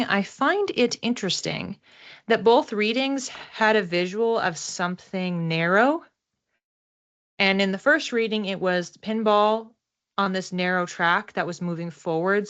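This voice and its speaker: The tone is clean but the highs are cut off as a mid-range-voiced woman casually talks through a card reading to camera. She plays the psychic reader, explaining things reflectively and conversationally to listeners and emphasizing key words.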